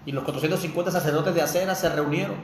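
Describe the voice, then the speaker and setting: A man's voice: on the high side, steady tone, rapid-fire. A man preaching a sermon fervently, putting rhetorical questions straight to his listeners. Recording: echoey room with faint noise.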